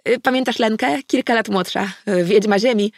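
A woman voicing a cheerful, slightly tipsy female friend in an audiobook, with a lively, bubbly manner. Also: fairly high pitch, moderate pace, vocal fry, no echo, clean studio sound, pitched above the performer's own voice. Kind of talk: audiobook character voice.

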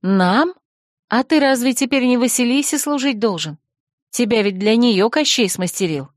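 A woman's voice: a little high, lively intonation, normal speed, no echo, clean studio sound, voice pushed up, natural voice. A woman as a defiant, hot-tempered heroine. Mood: exclaiming. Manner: hot-tempered, stubborn, exclaiming. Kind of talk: audiobook character voice.

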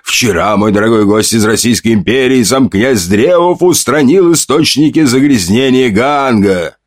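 Proud ruler booming through a megaphone, a man putting him on, pitch pushed up high, grand swooping proclamations. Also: expressive, normal speed, no room sound, clean studio sound. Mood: triumphant. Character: proud male ruler addressing a crowd. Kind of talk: audiobook narration.

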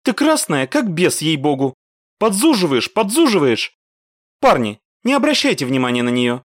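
A man voicing a sharp-tongued, scoffing young woman soldier in an audiobook. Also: low voice, sing-song, moderate pace, no echo, studio quality, pitched above the performer's own voice.

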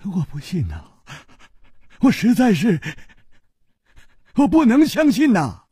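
A man's voice: high voice, wildly swooping pitch, takes it slowly, mellow, slightly rough, no echo, clean studio sound, pitched above the performer's own voice, full character voice. A man doing a stammering, whispery poisoned young man. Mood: dazed. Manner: stammering, faltering, trailing into whispers.

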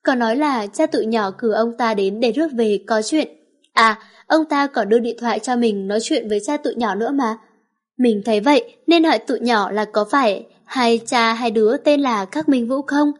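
A woman's voice: a little high, normal speed, natural voice. Woman reading chatty young guy teacher, kinda confused, storybook. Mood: explaining. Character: easygoing young male teacher, puzzled.

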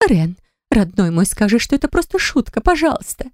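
A woman's voice: sing-song, moderate pace, darkish tone, dry recording, clean studio sound. A woman reading an audiobook and voicing a haughty, hysterical dragon woman who snarls and shrieks at her brother's mate. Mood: pleading. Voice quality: shrill, hissing and snarling.

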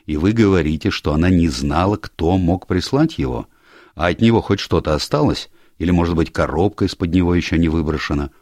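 A measured country doctor, asking careful questions in a very low voice, as a man reading an audiobook plays him. The sound is dry and close, with no room around it. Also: a little mellow, no room sound. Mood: probing. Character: calm, probing country doctor, middle-aged man.

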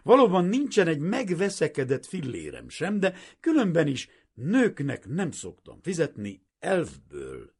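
A man's voice: on the high side, wildly swooping pitch, vocal fry, hardly any pauses, slightly rough, voice pushed up, exaggerated voice. Man doing a cheeky, broke young painter. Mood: cheeky, eager.

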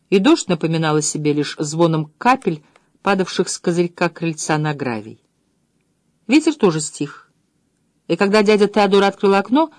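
A woman reading a mystery novel aloud in a measured, calm storytelling manner. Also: fairly low pitch, no room sound, clean studio sound. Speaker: audiobook reader. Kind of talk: scripted narration.

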